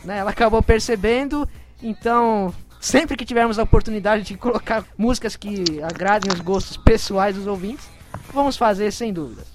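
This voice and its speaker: A man's voice: high voice, moderate pace, over music. A man in his twenties co-hosting a podcast with casual banter, playfully exclaiming as he reads listener comments. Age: 20s.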